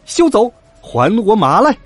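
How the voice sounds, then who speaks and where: A man voicing a hot-tempered male monkey king in a children's story, shouting shrilly. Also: very high-pitched, takes it slowly, faint music behind, voice pushed up. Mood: furious.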